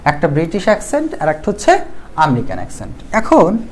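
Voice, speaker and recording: A man's voice: a little high, huge pitch swings, a little fast, a little mellow, slight background noise. Man, Bangladeshi Bengali accent, live online English lesson, quizzes the class, repeats key rules. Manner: asks the class questions, then answers them; reads out viewer comments. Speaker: English teacher.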